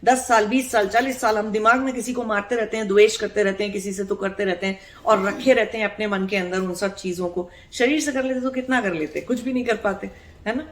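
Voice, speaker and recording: A woman's voice: mid-range voice, steady tone, a little fast. A woman spiritual teacher giving an earnest spiritual discourse, explaining her points with rhetorical questions and repeated words for emphasis. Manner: explanatory, asks rhetorical questions and checks in with the listener.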